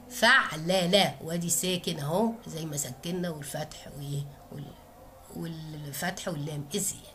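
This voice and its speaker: A woman's voice: fairly low pitch, fairly bright tone, a little hiss or hum. A woman teacher with an Egyptian Arabic accent, giving a grammar lesson. She asks her pupils questions and praises their answers.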